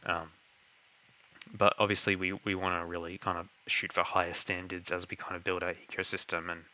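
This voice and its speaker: Low-voiced man losing his voice. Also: flat delivery, brisk, bright, forceful tone, dull audio. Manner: hesitant, heavy on fillers and "kind of". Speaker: crypto project host answering community questions. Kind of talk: live online Q&A chat.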